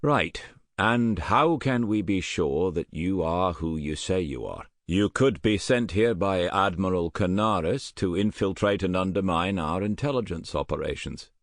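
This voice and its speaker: Low-pitched and expressive, a man at a measured pace performs a British colonel in his sixties for an audiobook, shrewd, rotund and faintly Scottish. He asks dry, clipped questions in a probing mood. The recording is dry.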